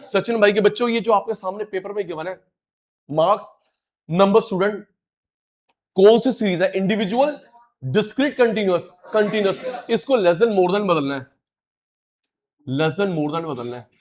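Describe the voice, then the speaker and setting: A middle-aged man teaching a live online class, animated and coaxing, repeating key words to his students. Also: high voice, normal speed, pauses often.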